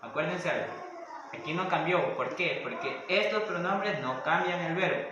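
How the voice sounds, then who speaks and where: In this recorded classroom lesson, a male English teacher walks through grammar step by step, frequently pausing to ask questions. He speaks at normal speed in a slightly high, sharp voice, captured in an echoey room with faint noise and the highs cut off.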